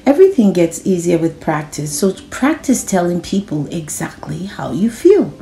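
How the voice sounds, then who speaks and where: With a voice on the low side and a moderate pace, a woman leads a read-aloud for kids. She addresses them directly, animated and encouraging, and asks little check-in questions along the way.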